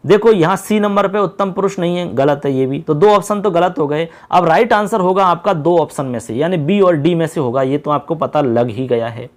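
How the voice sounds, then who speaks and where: Guy with a high voice going through exam questions, repeats stuff a lot, slow on the readouts. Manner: patient, repeats key points, reads questions slowly. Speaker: teacher. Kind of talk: exam-prep lesson.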